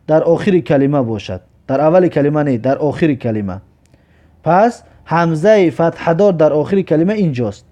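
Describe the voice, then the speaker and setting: A patient teacher with a Tajik accent walks learners through a reading lesson, drawing out each word slowly and repeating it. His voice sits a little high for a man but sounds dark and mellow. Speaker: Arabic alphabet teacher. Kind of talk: slow, repetitive reading lesson.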